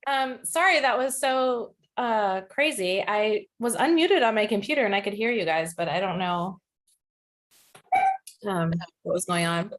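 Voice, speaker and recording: A woman's voice: medium pitch, a little slow. Woman caller heard through a speakerphone held up to the mic, distant, earnest, hesitant, filler-heavy. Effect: phone voice played on speakerphone and re-recorded in the meeting room. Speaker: caller giving public comment. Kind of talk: public comment at a school board meeting.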